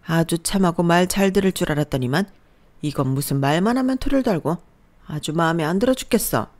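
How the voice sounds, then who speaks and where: A scolding older mother-in-law, voiced by a woman, sneering and belittling, her voice pushed up and loud. She nags relentlessly in this storybook dialogue. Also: fairly low pitch, animated, fairly quick. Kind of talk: storybook narration with acted dialogue.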